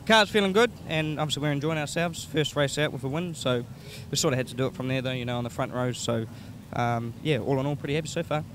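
Male, broad New Zealand accent, racing driver, casual interview, very quick, noisy outdoor pits. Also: mid-range voice. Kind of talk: casual post-race interview.

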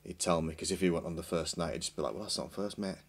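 A man's voice: low-pitched, steady tone, rapid-fire. A man, a band member chatting as a guest in a small podcast studio, rambling and self-deprecating, with many restarts. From Yorkshire, England. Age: 40s. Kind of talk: casual chat. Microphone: boom mic with headphones.

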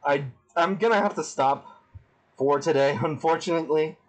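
Tired dude on a game stream, chatty, pokes fun at himself, says freaking a lot. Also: male voice, a little high, unhurried, soft background music, poor audio. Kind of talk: live gameplay stream commentary.

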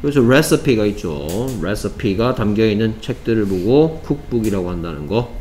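A man's voice: on the low side, expressive, moderate pace, a little mellow, a little hiss or hum. A man teaching English vocabulary to middle school students, explaining step by step and repeating key words. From South Korea. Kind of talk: vocabulary lesson.

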